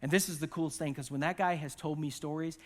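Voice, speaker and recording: A man preaching a sermon as pastor, with conversational, animated storytelling and acted-out quotes. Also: a little high, quick pace, in a large hall. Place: church auditorium.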